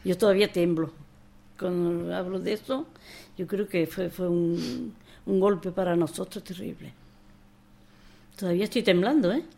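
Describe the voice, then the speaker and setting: An older woman guest from Spain, talking in a halting, emotional way, often repeating words. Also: on the low side, gravelly, dark tone. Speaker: interview guest, memoir author. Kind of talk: conversational interview.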